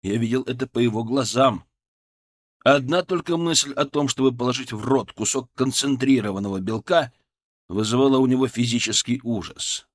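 A man's voice: mid-range voice, normal speed. A man reading a first-person audiobook with dramatic, tense storytelling. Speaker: audiobook narrator. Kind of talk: first-person scripted narration.

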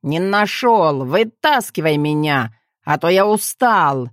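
A woman voicing a haughty, whiny male frog who is a cursed prince, indignant and nasal in a high voice. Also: lively intonation, takes it slowly, dry recording, studio quality.

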